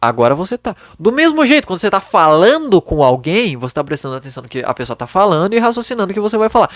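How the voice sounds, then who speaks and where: A man's voice: high voice, sing-song, racing, dry recording, studio quality. A young man hosting a podcast from his bedroom, giving blunt, casual advice into a microphone and swearing freely. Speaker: podcast host.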